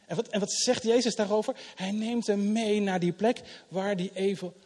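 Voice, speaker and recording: A middle-aged man preaches to his congregation in a conversational way, pushing some phrases out loudly and letting others drop to soft asides. His voice sits a little high and has a husky edge. A long church-hall reverb trails behind every line. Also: fairly even intonation, normal speed. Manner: conversational preaching, swinging between loud emphasis and soft asides. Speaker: pastor. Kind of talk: sermon.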